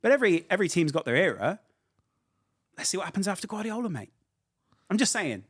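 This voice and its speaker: A man's voice: high voice, sing-song, fast talker, breathy edge, dry recording, clean studio sound. A man with an East Midlands English accent, a podcast guest chatting casually, opinionated and rambling with frequent restarts. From England. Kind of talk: casual chat.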